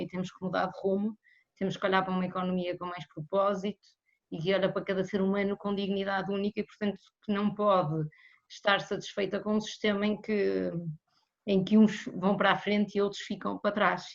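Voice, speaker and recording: A woman with a European Portuguese accent, answering as a guest in an interview about economics in a measured way. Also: medium pitch, gravelly. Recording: slightly muffled lo-fi audio.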